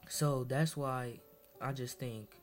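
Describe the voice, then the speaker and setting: A man's voice: mid-range voice, fairly even intonation, slow pace, faint music behind. Hesitant young man rambling on a podcast. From Massachusetts, USA. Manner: rambling, hesitant, many fillers and restarts. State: tired, low on energy. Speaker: podcast host. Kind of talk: casual solo podcast monologue.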